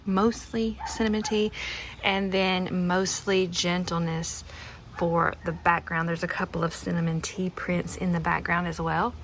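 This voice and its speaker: A woman's voice: medium pitch, a bit bright, a little hiss or hum. A woman giving a casual, informal show-and-tell as a crafter, chatty and a little self-deprecating. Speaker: quilter presenting her own finished quilt.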